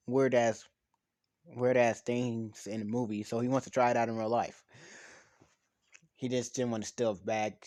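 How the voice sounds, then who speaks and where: A man's voice: mid-range voice, dark tone. A man telling a fan story in casual talk, rambling with many restarts and fillers.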